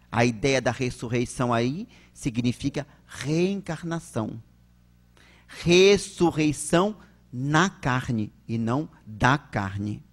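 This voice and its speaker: A man with a Brazilian accent giving a public religious lecture at a spiritist centre, measured and posing rhetorical questions. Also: mid-range voice.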